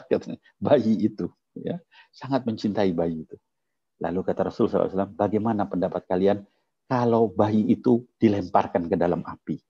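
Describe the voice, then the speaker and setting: Low-voiced man preaching in a mosque. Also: dark tone, breathy edge, no echo, highs cut off. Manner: storytelling, addresses listeners as his children. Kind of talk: sermon.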